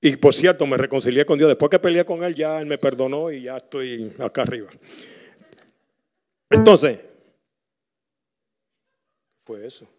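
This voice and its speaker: A middle-aged man preaching a sermon as pastor. He reads scripture aloud, leads a prayer, and swings between loud emphasis and quiet asides. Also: medium pitch, measured pace, pauses often.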